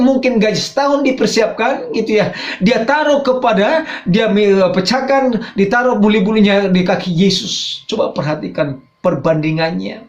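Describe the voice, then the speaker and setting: A man preaching a sermon as pastor, swinging between raised emphatic phrases and low quiet asides. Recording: dull roomy church recording.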